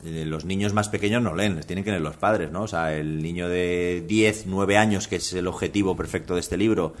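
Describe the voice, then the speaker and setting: Man, 60s, Peninsular Spanish accent, low-ish voice, playful rambling storyteller, radio guest. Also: steady tone, moderate pace. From Madrid, Spain. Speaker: guest author and radio humorist. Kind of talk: casual radio interview chat.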